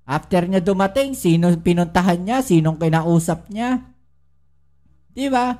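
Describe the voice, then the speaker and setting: A woman's voice: lowish voice, animated, a little slow, warm tone. A woman giving casual political commentary to her viewers, full of rhetorical questions and tag questions. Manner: addresses viewers directly and often.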